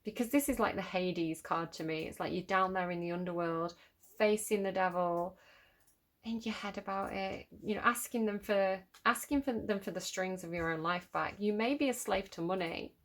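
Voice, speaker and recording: A tarot reader with a Manchester accent gives a casual reading to camera, musing and repeating phrases as she reads card meanings from a book. Her voice is medium-pitched and her speed is normal.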